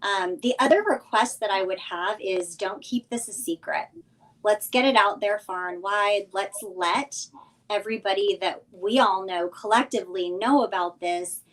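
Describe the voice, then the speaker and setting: A woman's voice: mid-range voice, moderate pace, a bit bright, low-quality recording. A woman speaking informally as a guest coach on a livestream, explaining details and encouraging listeners to act. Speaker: business coach, guest sponsor. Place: remote live video stream.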